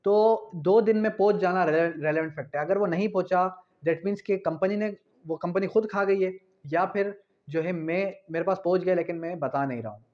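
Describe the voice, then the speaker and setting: A man with a high voice lectures on law at a moderate pace, and the recording has its highs cut off. He keeps it informal for exam prep, restating key points and alternating Urdu with English terms.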